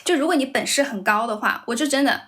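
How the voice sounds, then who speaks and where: A young Chinese woman who teaches English chats casually on a livestream, thanking viewers along the way. Her voice is a little high and a bit bright, expressive and quick. Her English carries a Chinese accent mixed with American and British.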